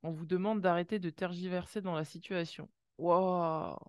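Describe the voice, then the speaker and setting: A woman's voice: fairly low pitch, fairly even intonation, brisk, no echo, studio quality. A woman doing an intuitive oracle card reading, talking straight to viewers with frequent gasps of "wow" and little sound effects. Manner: exclamatory, lots of gasped wows and sound effects; speaks directly to viewers in warm second person.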